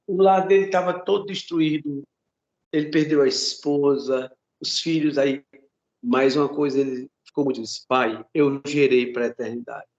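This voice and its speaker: A man's voice: fairly high pitch, fairly even intonation, moderate pace, a little mellow, highs cut off. A Brazilian man preaching a sermon as pastor, fervent and repetitive, often calling out to his listeners as brothers. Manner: fervent, repeats words, addresses listeners as brothers. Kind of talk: sermon with a retold testimony.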